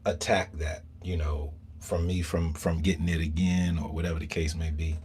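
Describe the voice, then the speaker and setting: An American man from Southern Maryland chatting casually on a live stream from inside a small home sauna, halting and rambling in an unhurried way. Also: a bass voice, flat delivery, darkish tone, slightly rough. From Southern Maryland, USA.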